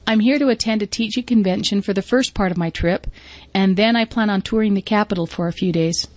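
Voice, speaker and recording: An actress plays a courteous woman traveller answering at airport customs. She speaks General American at a middle pitch in a scripted lesson dialogue, with a very dry sound. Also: fairly quick, darkish tone, dry recording, lightly acted. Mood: polite, cooperative.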